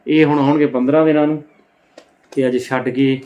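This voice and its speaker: A man's voice: medium pitch, flat delivery, normal speed, dark tone. A man with a Punjabi accent chatting casually and teasingly in a family vlog. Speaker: family vlogger, husband and father.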